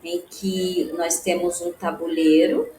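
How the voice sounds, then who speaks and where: Slow, low-voiced woman explaining a lesson. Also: little pitch movement, warm tone, roomy sound, a little hiss or hum, rough recording. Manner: halting, frequent "né?" tags and restarts. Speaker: teacher presenting classroom activities.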